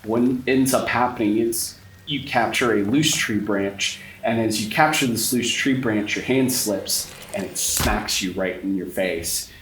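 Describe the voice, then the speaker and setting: A man's voice: on the low side, measured pace, fairly bright tone. A man narrating a tabletop horror game as game master, describing scenes and talking directly to the players. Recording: roomy echo, distant mic, faint noise.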